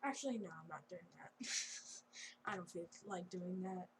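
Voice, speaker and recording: A woman's voice: fairly low pitch, a little slow, noisy background. A young woman improvising a fan story in a rambling, giggly, chatty way. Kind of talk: casual improvised story narration.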